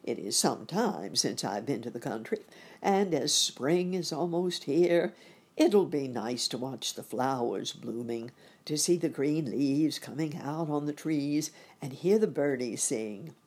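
Woman as Uncle Wiggily, a jolly husky rabbit gentleman. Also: extremely low pitch, lively intonation, exaggerated voice. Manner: genial, unhurried, old-fashioned phrasing.

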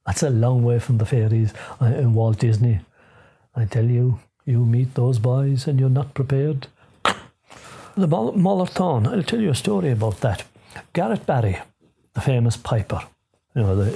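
Husky, mellow Irish storyteller, an older lilting man. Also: mid-range voice. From Ireland. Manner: lilting traditional storyteller's delivery. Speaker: storyteller, folklore collector. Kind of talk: unscripted oral storytelling about folklore.

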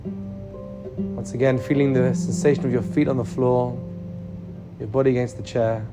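A man's voice: mid-range voice, moderate pace. Soothing male meditation guide over guitar music. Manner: calm, soothing instruction. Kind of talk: guided meditation and body scan.

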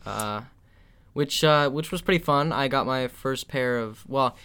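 A man's voice: medium pitch, unhurried, pushed and bright, smooth. A young man co-hosting a comedy podcast, joking in a mock-serious, rambling way. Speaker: podcast co-host. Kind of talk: casual comedy chat.

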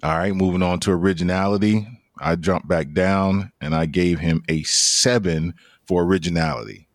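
A man's voice: low voice, moderate pace, no room sound, studio quality. A man hosting a casual podcast discussion, calling on each panelist in turn and laughing easily. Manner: laughs easily, steady moderating. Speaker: podcast host.

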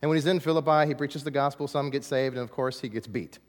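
A man preaching a sermon in a dramatic way, dropping to a hush and then rising to emphatic points. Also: mid-range voice, fast, big-room sound. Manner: dramatic, swings from hushed to emphatic. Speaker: pastor.

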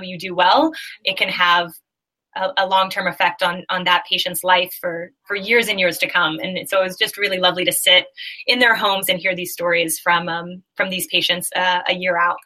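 Bright-voiced woman telling stories. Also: on the low side, level tone, moderate pace, poor audio. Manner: earnest storytelling with frequent restarts. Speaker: director of a surgical aid organization. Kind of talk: conversational interview answers.

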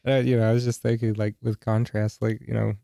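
A man with a gravelly, dark voice talks hesitantly, pausing and starting over as he searches for words. The sound is close and dry. He is co-hosting a casual podcast. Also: fairly low pitch, little pitch movement, dry recording. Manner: hesitant, halting, with frequent restarts. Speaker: podcast co-host. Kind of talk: casual chat.

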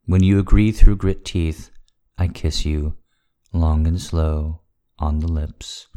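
A man with a very low voice and an intimate delivery. He speaks slowly and unhurriedly, with a soft, dark tone suited to audio performance for listeners. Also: fairly even intonation. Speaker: audio erotica performer and live streamer. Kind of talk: slow, intimate first-person narration of erotic fiction, then casual chat to listeners.

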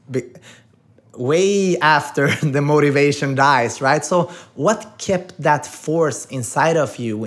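Guy hosting a podcast, upbeat and admiring, mid pitch voice. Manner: enthusiastic, admiring. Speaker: podcast host. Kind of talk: interview hosting.

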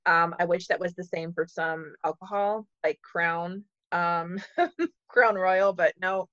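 A woman's voice: on the low side, takes it slowly, a bit bright, no room sound, dull audio. A woman comedian chatting playfully on a podcast and laughing often. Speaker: comedian guest. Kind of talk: casual podcast chat.

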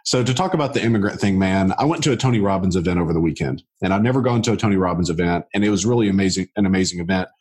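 A man hosting a real estate podcast, chatting in a relaxed way with lots of casual fillers. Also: deep voice, very fast, few pauses. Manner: relaxed, chatty, many fillers like "you know". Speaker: podcast host. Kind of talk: casual interview chat.

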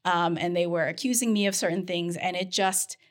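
An earnest, middle-aged woman doctor talks through her advice in a relaxed, conversational way. Her voice sits a little low, and she leans on "um" often while giving example phrases. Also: a little fast. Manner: earnest, frequent "um" fillers, gives example phrases. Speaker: physician and podcast co-host. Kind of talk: casual conversational teaching.

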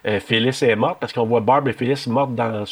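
A man chats casually as a podcast co-host, walking through a horror movie plot. He rambles with plenty of fillers and restarts. His voice sits at an ordinary middle pitch. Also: fairly even intonation, normal speed. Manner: rambling recaps with many fillers. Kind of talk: casual chat reviewing a film.

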